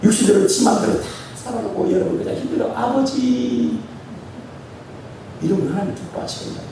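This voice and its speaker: A man's voice: sits high, racing, gravelly, noisy background. A male pastor preaching a sermon, calling out to the congregation and drawing amen responses. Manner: animated preaching with call-and-response; addresses the congregation constantly. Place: church sanctuary. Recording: echoey church hall from far off.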